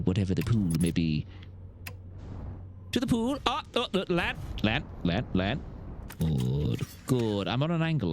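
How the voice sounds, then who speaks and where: A man's voice: on the high side, a little hiss or hum. A man streaming a video game live, talking playfully to himself and his chat with frequent exclamations. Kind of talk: live gameplay commentary.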